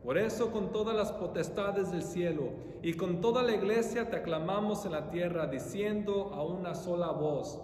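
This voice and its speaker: In a big, echoing church, a male priest with a slightly mellow voice says mass in a solemn, formal way. His liturgical prayer follows measured ritual phrasing. There's a bit of background noise, including a faint low rumble.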